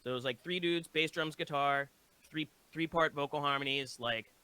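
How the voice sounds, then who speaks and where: A young man, a band's drummer, chatting casually and telling animated stories with plenty of swearing. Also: a little high, normal speed, clean tone. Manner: animated storyteller, swears freely. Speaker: band member, drummer. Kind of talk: casual chat.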